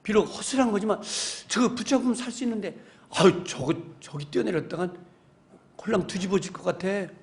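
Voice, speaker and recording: A male pastor preaching a sermon in a church, telling stories with animated delivery and swelling into emphatic exhortation. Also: sits high, brisk, vocal fry. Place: church sanctuary.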